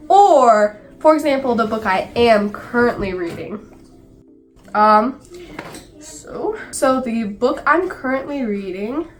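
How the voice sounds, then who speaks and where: A woman with a slightly high voice, congested from a cold, rambles cheerfully about her reading habits. She fills her sentences with "like" and speaks casually from her small home library. Faint music plays underneath. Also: animated, takes it slowly. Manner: chatty, lots of "like" fillers. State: sick and stuffed up. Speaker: book vlogger. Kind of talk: casual vlog chat.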